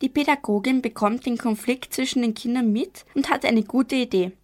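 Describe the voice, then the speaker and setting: Young woman narrating a children's story. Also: fairly high pitch. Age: young adult. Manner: calm, measured storytelling. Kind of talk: radio story reading.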